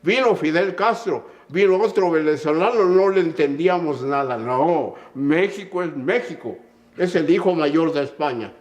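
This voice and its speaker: A man's voice: fairly high pitch, moderate pace, muffled recording. An older man with a Mexican accent, a conductor telling stories and lecturing in an emphatic way, often checking in with a short "mm?". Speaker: conductor and musician. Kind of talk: anecdotal storytelling in an interview.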